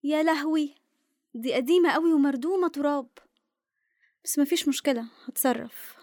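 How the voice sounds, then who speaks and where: An actress playing a lively, sardonic young Egyptian woman, a self-reliant photographer in a radio drama. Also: high-pitched, normal speed, a little hiss or hum. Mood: brisk, practical.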